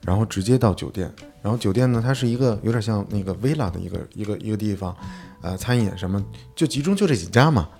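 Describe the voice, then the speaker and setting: A man co-hosts a podcast in a deep, mellow, gravelly voice. He tells a long story in casual chat and acts out the quarrel with heat. Faint music plays under the talk. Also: quick pace. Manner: animated storytelling, acting out an argument with restaurant staff. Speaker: podcast co-host.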